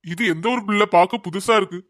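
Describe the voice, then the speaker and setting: A voice actor playing a gruff old fruit seller in a cartoon, with a deep pitched-down voice and a loud, brusque way of talking. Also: fast, no room sound, clean studio sound, natural voice. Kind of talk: cartoon voice acting.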